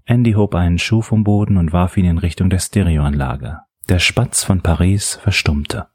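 Male audiobook narrator, very low, husky, measured, dry close sound. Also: no room sound. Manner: measured, steady storytelling.

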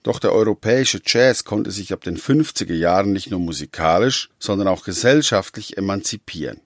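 Low-voiced man narrating a radio feature. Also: no echo, clean studio sound. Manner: measured, even reading.

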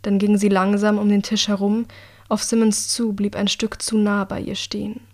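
A woman reads a novel aloud as an audiobook narrator. Her delivery is steady and even, in the manner of plain scripted storytelling. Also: medium pitch, normal speed.

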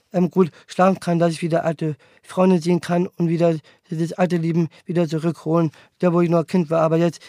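Young adult man, aspiring actor; high, flat delivery, earnest and stumbling, dry recording. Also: dry recording. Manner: halting, earnest, many restarts. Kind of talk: casual monologue to camera.

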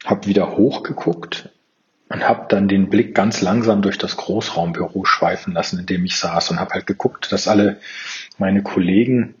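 A man with a fairly low voice talks to his listener like a coach, in a personal, reflective way, and often restarts his sentences. The recording is dull and muffled. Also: moderate pace. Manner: personal, addresses the listener directly, restarts and repeats words. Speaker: purpose coach and podcast host. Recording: dull lo-fi sound.

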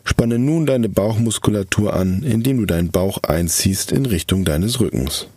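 A man narrating a scripted guided relaxation exercise in a soft, calm, soothing voice with measured, drawn-out instructions. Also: lowish voice, slightly rough, dry recording.

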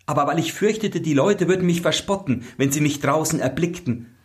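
Guy voicing a shrill nasty fake bride, high and bossy, storybook fairy tale. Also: fairly quick, close to an everyday voice. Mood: haughty. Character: false bride, ugly young woman, scheming and short-tempered.

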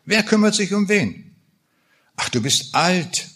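A man's voice: high-pitched, big pitch swings, slow pace, sharp tone, pitched above the performer's own voice, heavily acted. A man reading aloud the part of a bitter, grieving soldier who accuses God with pleading questions. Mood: bitter accusing.

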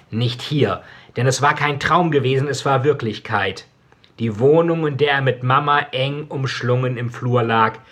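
Husky-voiced man reading his own novel. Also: medium pitch, fairly bright tone. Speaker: author.

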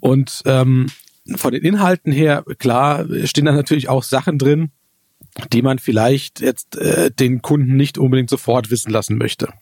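A man co-hosting a German tech podcast, telling stories in a relaxed way with many fillers. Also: mid-range voice, moderate pace, no room sound. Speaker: podcast co-host. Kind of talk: casual tech chat.

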